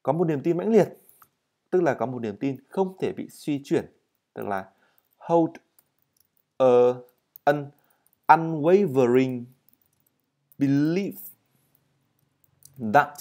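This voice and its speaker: Animated and a little mellow, with a fairly high pitch, a man leads an English vocabulary and pronunciation lesson. He voices the words slowly and clearly and then explains them quickly.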